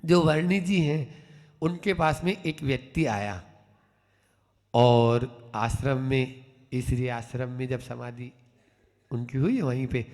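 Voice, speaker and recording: A man, a Jain monk, giving a sermon slowly, repeating key phrases in a rhythmic, emphatic way. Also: medium pitch, darkish tone. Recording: hall with long reverb.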